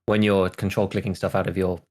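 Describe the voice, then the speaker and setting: Low-voiced man in laid-back podcast chat. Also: flat delivery, a little fast, darkish tone. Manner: loose and hedging, many "like" fillers and restarts. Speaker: podcast co-host. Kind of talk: casual chat.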